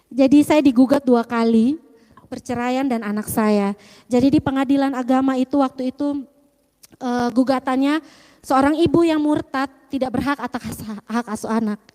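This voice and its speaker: High-voiced woman giving an earnest testimony. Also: fairly even intonation, mellow, in a large hall. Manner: earnest, halting, often quoting her prayers. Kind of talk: personal faith testimony.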